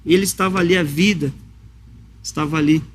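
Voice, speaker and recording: A man from Brazil preaching a sermon, reading scripture aloud and explaining it with emotion and slow, repeated emphasis. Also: on the high side, fairly even intonation, a little hiss or hum.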